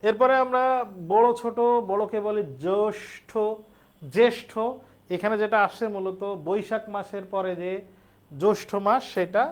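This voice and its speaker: A man's voice: sits high, steady tone, normal speed. A man teaching a spelling lesson, explaining step by step and answering his own questions.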